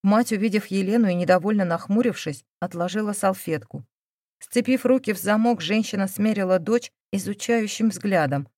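A woman narrating a novel in a steady, expressive reading voice. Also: medium pitch, moderate pace, dry recording, studio quality. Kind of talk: audiobook narration.

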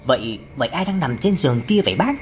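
A woman's voice: rumbling low, very animated, fast talker, a little mellow, a little hiss or hum, voice pushed down. A woman narrator voicing a confused young village man. He speaks hesitantly and politely, in a voice close to hers. His tone shifts widely between phrases. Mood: bewildered.

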